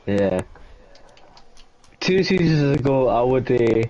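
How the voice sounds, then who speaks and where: Guy reading out the grid, real slow and easy, muffled lo-fi mic. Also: medium pitch, expressive, dark tone. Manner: laid-back, dry jokes, reads out the grid. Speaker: co-commentator. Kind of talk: live esports race commentary. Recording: dull lo-fi mic.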